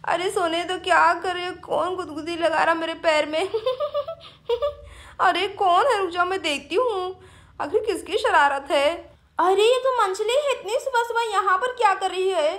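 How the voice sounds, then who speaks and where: Woman voicing a chatty young woman, scolds a lot, very high bright voice. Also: moderate pace. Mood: lively.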